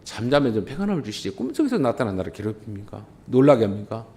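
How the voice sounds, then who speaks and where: A man's voice: medium pitch, big pitch swings, fast talker, darkish tone. A male pastor delivering an emphatic, impassioned sermon.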